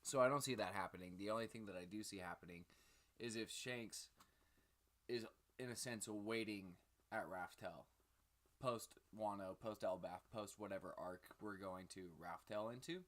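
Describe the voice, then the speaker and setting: A man's voice: on the low side, moderate pace, a bit bright. A man hosting his own channel, talking through his theories in a rambling, filler-heavy, casual sit-down chat. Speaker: channel host.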